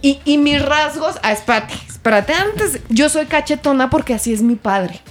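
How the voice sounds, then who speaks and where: A woman's voice: high voice, animated, moderate pace. Woman, Mexican accent, podcast host, frank self-mocking storytelling, faint background music. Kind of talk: casual podcast chat.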